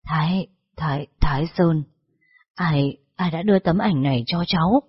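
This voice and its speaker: A narrator voicing an elderly man, a street zither player, who speaks in a halting, trembling way. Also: medium pitch, husky, close to an everyday voice. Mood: tremulous. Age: over 60. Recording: dull lo-fi recording.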